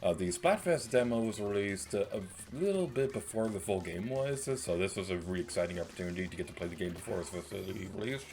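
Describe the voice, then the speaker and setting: A man hosts a Let's Play in a casual, playful way. His voice is very animated, swinging widely in pitch as he comments on the game. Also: quick pace, few pauses.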